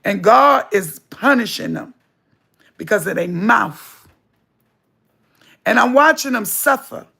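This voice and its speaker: A woman holds forth on a spiritual livestream. Her voice is gravelly and her delivery slow and deliberate. She is emphatic and preachy and hammers points home by repeating them. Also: mid-range voice, lively intonation, sharp tone. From United States. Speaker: livestream host.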